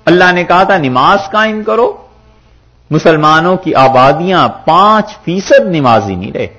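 A man's voice: on the high side, measured pace, slightly rough. A male preacher giving a sermon, quoting scripture verses and explaining them with rhetorical questions. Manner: lively, rhetorical, quotes Arabic verses then explains. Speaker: mufti preacher. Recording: dull lo-fi recording.

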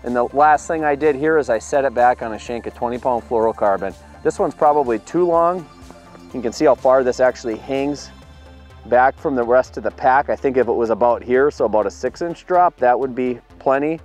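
A man's voice: mid-range voice, fairly quick, soft background music. Upbeat man explaining fishing tackle outdoors. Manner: upbeat, explanatory, excited at catches. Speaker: fishing video producer. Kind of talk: on-the-water fishing demonstration. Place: open boat on a lake, outdoors.

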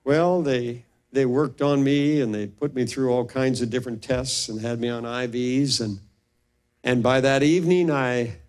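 A man's voice: medium pitch, measured pace, darkish tone. An older man, a pastor, telling a personal story in a sermon and acting out the voices of the people in it.

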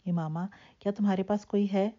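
A woman's voice: medium pitch, fairly even intonation, warm tone, close to an everyday voice. A woman narrator voicing an anxious young man who tries to reassure, on a dull lo-fi recording. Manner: anxious, then soothing.

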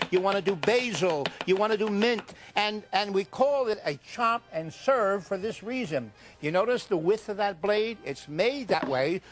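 An older man giving a folksy, emphatic hard-sell TV ad pitch, putting rhetorical questions to the viewer. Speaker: TV infomercial pitchman. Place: TV kitchen studio set.

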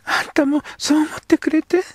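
A man doing a young edo girl, breathy and earnest. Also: extremely high pitch, fairly even intonation, moderate pace, no room sound, studio quality, voice pushed up. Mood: pleading, earnest. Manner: pleading, breathy half-whispers. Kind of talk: audiobook character voice.

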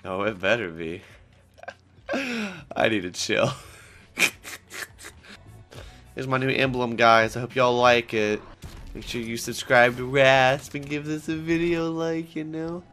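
A congested young man in his twenties, fighting a cold, hosts a gaming channel, rambling through casual gameplay commentary into a headset in a small room at home, swearing often and breaking into frustrated outbursts. His mid-range voice is slow with frequent pauses, pushed and bright, with soft music in the background.

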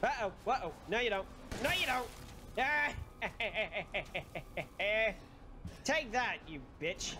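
A game streamer commentating live gameplay, excitable, swearing a lot and yelling at the game. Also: medium pitch, normal speed, slight background noise.

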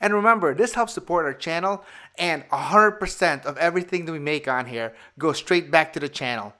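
A man's voice: a little high, brisk, sharp tone. A man hosting a family travel vlog, talking in an upbeat, chatty way outdoors to a handheld camera. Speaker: vlog host. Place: outdoors at a farm.

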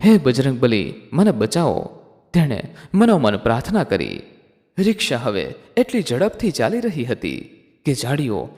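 A man hosting a storytelling channel, reading out viewers' comments and narrating a horror story in a dramatic, expressive way. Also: medium pitch. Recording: long hall reverb.

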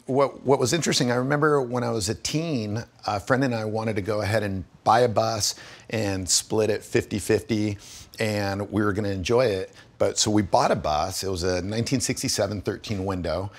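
Garage owner, man, forties, low voice, easygoing and eager, casual interview in a workshop. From Guatemala. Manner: enthusiastic, friendly, lots of fillers. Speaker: garage owner, vintage bus restorer. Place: large indoor garage full of old buses.

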